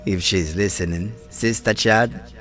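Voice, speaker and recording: Deep-voiced man hosting a live call. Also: fairly even intonation, a bit bright, faint music behind. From Haiti. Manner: halting, repeats words and restarts often. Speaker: host and community organizer. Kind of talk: live-stream conversation. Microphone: phone or call setup.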